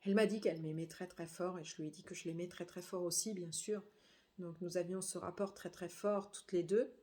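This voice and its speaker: A middle-aged woman giving a grieving personal testimony, halting and subdued, with frequent hesitations. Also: on the low side, steady tone, warm tone. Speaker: bereaved daughter.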